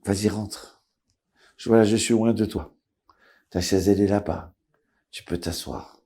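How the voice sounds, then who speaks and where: A man's voice: fairly low pitch, fairly even intonation, measured pace, husky. A man voicing a pleading, desperate old father. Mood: gentle. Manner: pleading, gentle. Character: older father, a doctor, desperate and tender.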